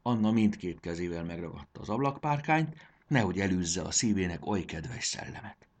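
Low, husky male storyteller. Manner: expressive, voices characters. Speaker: narrator. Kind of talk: storybook narration.

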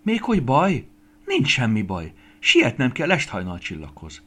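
A man voicing a curious little fairy girl in a storybook reading, her voice jumping high when she gets excited. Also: full character voice. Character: curious small fairy girl, gentle and earnest.

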